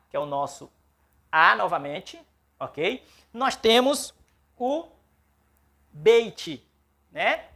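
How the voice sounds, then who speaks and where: Pastor-teacher, slow delivery, bright gravelly tone, patient classroom style, repeats syllables. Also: male voice, high-pitched. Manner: patient, checks understanding with frequent "ok?"; spells out syllables slowly and repeats them. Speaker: pastor teaching biblical Hebrew. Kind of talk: classroom-style language lesson.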